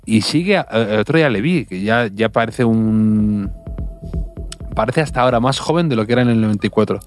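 A man's voice: lowish voice, lively intonation, brisk, soft background music. A man co-hosting a casual football podcast, making wry, dry jokes and stammering into restarts. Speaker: podcast co-host. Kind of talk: casual chat about football.

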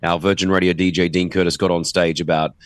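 A man's voice: deep voice, level tone, fast, no room sound. A man hosting a radio show, bantering and playing up mock offense at his co-hosts. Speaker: radio host. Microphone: studio microphone.

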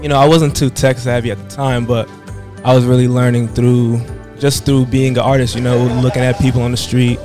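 A young fashion designer from the Washington DC area in the United States answers interview questions in an easygoing way, saying "you know" a lot. His mid-range, darkish voice is flat and a little fast, with faint music behind him.

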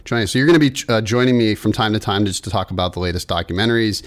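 A man's voice: lowish voice, racing. A man hosting a podcast, friendly and asking his guests questions in casual chat. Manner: friendly, asks questions, laughs. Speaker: podcast host.

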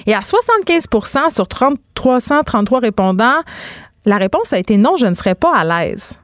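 Animated Québécois woman commentator. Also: a little high, moderate pace, dry recording, clean studio sound. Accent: Québécois French. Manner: animated, emphatic, rambling. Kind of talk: casual talk show debate.

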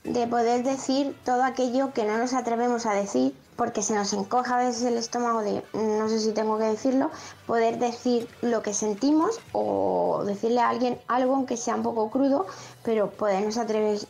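Gravelly-voiced woman, heartfelt. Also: on the high side, normal speed, a little mellow. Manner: thoughtful, heartfelt. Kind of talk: earnest proposal.

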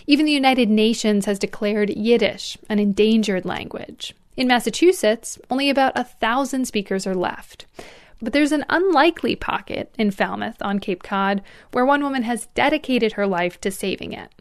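A female radio host with a slightly high voice. She reads a scripted introduction in presenter style. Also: moderate pace.

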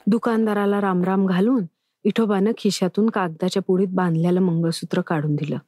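A woman narrating a story in a calm, measured reading voice. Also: on the low side, dry recording, clean studio sound.

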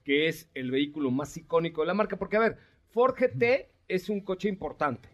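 A man's voice: fairly high pitch, lively intonation, normal speed, dull audio. A man with a Mexican Spanish accent hosting a car talk show in a chatty, joking, storytelling manner. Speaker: host. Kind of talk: casual radio show chat.

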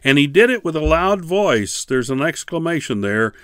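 A man teaching a radio Bible lesson, reading scripture in slow, measured phrases and then commenting with emphatic rises on key words. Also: fairly high pitch, sing-song, a bit bright, dry recording, studio quality.

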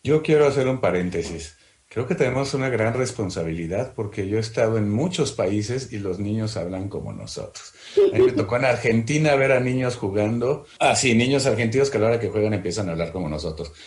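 Low-voiced Mexican man, emphatic. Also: very animated, brisk, a little mellow. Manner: emphatic, opinionated. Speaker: voice actor. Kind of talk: panel talk. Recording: roomy virtual panel audio.

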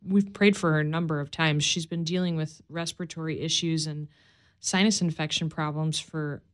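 A woman's voice: deep voice, steady tone, normal speed. A woman co-hosting a radio show, casually sharing prayer requests on air. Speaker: radio show co-host and social media producer.

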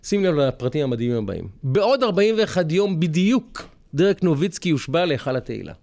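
A man co-hosting a podcast, telling stories in an emphatic, animated way. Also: on the high side, vocal fry. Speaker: podcast co-host. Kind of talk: casual chat.

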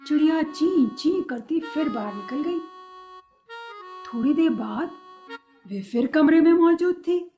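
Slow high-voiced woman storyteller. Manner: slow, expressive reading. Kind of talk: read-aloud story narration. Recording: soft instrumental music behind. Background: faint music.

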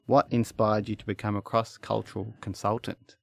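A man's voice: on the low side, level tone, normal speed, vocal fry, dry recording, studio quality. A man from Australia with a broad Australian accent, hosting a conversational interview in a casual, chatty manner. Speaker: interviewer and host.

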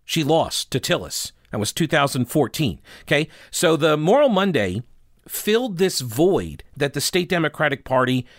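A man hosting a talk podcast with a slightly harsh, hoarse voice, speaking informally and with opinion. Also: a little high, big pitch swings, normal speed, dry recording, clean studio sound. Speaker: radio and podcast host. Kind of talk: conversational talk show monologue.

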